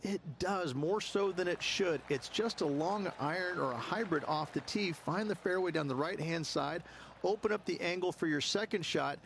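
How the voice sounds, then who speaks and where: Calm male golf course analyst. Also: sits high, moderate pace, gravelly, noisy background. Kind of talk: scripted video game commentary.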